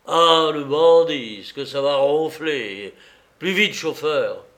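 A man voicing a furious, imperious nobleman, exclaiming loudly in an audiobook reading. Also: on the high side, animated, slow pace, exaggerated voice. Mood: urgent. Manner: shouting, exclaiming in anger.

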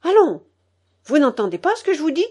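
A woman's voice: mid-range voice, very animated, a little slow, darkish tone. A woman reading the part of a stern elderly aristocratic grandmother who scolds coldly and with emphasis. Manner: cold, emphatic, scolding with raised voice.

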